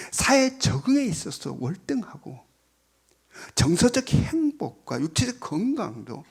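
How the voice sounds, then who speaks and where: A man preaching a sermon as pastor, repeating key phrases and swinging between loud emphatic lines and whispered asides. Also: a little high, vocal fry, slightly rough.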